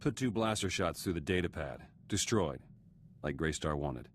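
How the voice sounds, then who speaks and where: An actor playing a curt, ambitious politician in a video game, speaking in terse, clipped phrases with cold self-assurance. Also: male voice, low voice, animated, normal speed, a little hiss or hum. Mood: matter-of-fact.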